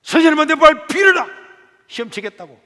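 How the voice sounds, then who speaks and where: A man's voice: very high voice, expressive, fast talker, sharp tone, long reverb tail, pitched above the performer's own voice, exaggerated voice. A preacher voicing a wailing, scolding mother. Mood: tearful scolding. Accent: Gyeongsang Korean. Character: weeping, scolding older working mother.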